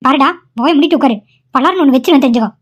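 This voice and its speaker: A woman voicing a short-tempered cartoon mother with a high voice who fires off her scolding lines quickly. Her delivery is harsh and cutting. The recording sounds dull and lo-fi. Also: lightly acted. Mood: angry. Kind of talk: cartoon voice acting.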